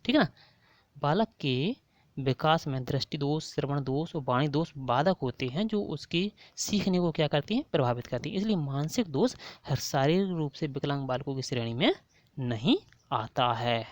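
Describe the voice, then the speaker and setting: A man's voice: a little high, animated, moderate pace, dry recording. A man with a Hindi accent giving an online exam-prep lesson, repeating each question and prompting viewers to answer.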